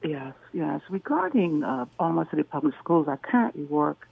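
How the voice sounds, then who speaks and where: Man, radio caller over the phone, dull muffled phone line, earnest, halting, fillers. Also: fairly high pitch, very animated, creaky, slightly rough. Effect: heard over a phone line. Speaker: radio call-in caller, school worker. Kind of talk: call-in radio talk.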